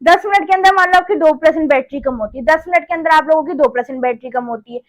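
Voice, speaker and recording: A woman teaches a maths lesson in a relaxed, chatty way. Her voice sits very high, and she keeps checking in with her students as she repeats each step. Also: fast talker, poor audio. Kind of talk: casual classroom lesson.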